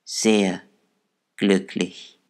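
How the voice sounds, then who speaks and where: A man voicing a poor, gentle father in an audiobook, speaking tenderly and solemnly. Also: low-pitched, flat delivery, extremely slow, clean tone. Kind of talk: audiobook character reading.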